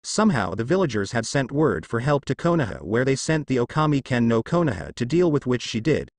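A man reads fan fiction aloud, with a lively, rising-and-falling delivery. The sound is close and dry, without room echo. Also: medium pitch. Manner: steady read-aloud storytelling. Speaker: fanfiction narrator. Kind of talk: scripted narration.

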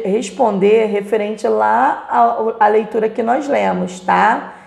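A woman's voice: medium pitch, vocal fry, a little mellow. A woman teacher with a Brazilian Portuguese accent, patiently spelling out syllables for young pupils in a recorded lesson. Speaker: primary school teacher. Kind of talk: recorded remote class lesson. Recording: echoey room.

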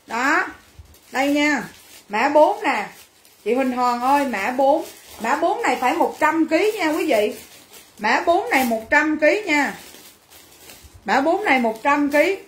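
A woman's voice: high-pitched, echoey room. A woman selling clothes on a livestream, brash and teasing as she banters with viewers. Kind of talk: livestream sales chat.

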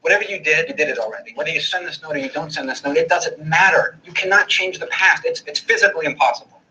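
A man's voice: a little high, fast talker, sharp tone, dull audio. An actor playing a nervous male scientist in a film scene, rambling and stammering through technical explanations. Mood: explaining. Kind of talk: film drama dialogue.

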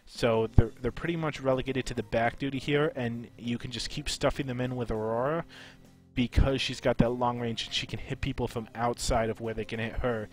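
A man talking through game tactics in a home voice-over, his voice a little off while he gets over being sick. He explains things in a relaxed, loose way, with plenty of "uh"s and restarts, at an ordinary pitch for a man. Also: fairly quick, faint music behind. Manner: relaxed, explanatory, with frequent fillers. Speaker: gaming channel host. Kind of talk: casual game strategy tutorial.

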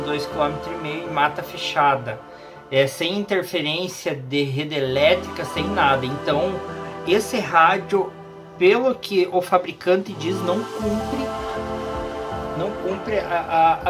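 A Brazilian man in his thirties gives a casual product review to camera, speaking hesitantly and repeating phrases for emphasis. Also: high voice. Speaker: YouTube gear reviewer. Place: small home office room indoors.

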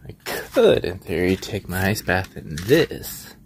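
A man with a creaky, gravelly voice mutters an offhand vlog at a slow, halting pace. He grumbles and curses casually. It is a noisy outdoor recording on a handheld phone. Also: low-pitched. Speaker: vlogger. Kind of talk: casual first-person outdoor vlog chat, muttering to camera. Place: outdoors in a backyard. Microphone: handheld phone held by the speaker.

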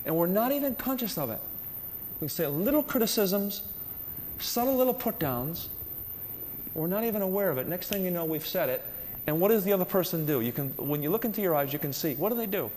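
A man's voice: high voice, lively intonation, a little fast, darkish tone, in a large hall, slight background noise. A man giving a spiritual lecture to a live audience, earnest and conversational, often putting questions to his listeners.

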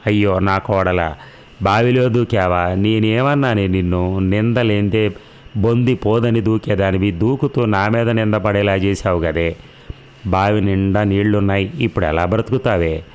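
A man's voice: fairly low pitch, steady tone, normal speed, smooth, natural voice. Man reading as a wailing village mother-in-law. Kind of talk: storybook narration.

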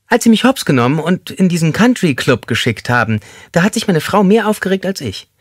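A man voicing a squeaky-voiced, crude, rambling male prison inmate in an audiobook. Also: sing-song, a little fast, no echo, clean studio sound. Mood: crude, mocking. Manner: coarse, rambling storytelling. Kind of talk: audiobook character voice.

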